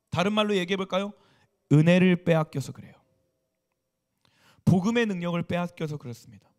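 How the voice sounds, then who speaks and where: High-voiced young Korean youth pastor preaching. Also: male voice. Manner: asks the congregation questions and leads call-and-response repetition. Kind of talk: sermon. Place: church worship hall.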